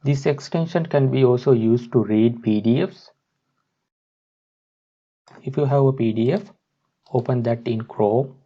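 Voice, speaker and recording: Over a dull, muffled mic, a man explains software in a step-by-step tutorial, his delivery halting and instructive. He has a husky, medium-pitched voice.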